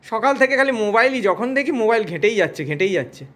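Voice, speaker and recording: A man's voice: sits high, animated, very fast, fairly bright tone. A man with a West Bengal accent teasing and placating his wife in a casual domestic argument, often repeating himself. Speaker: husband.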